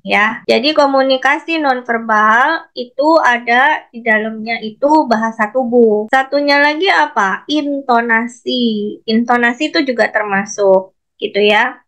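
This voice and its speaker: Bright-voiced woman lecturer. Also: fairly high pitch, a little slow. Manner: questions students by name, explains patiently. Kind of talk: online class lecture. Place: online video call.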